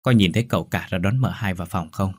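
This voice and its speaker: A man voicing a sharp-tongued older mistress who scolds and orders her servant about. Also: low-pitched, quick pace, dry recording, studio quality. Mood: scolding. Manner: scolding, commanding.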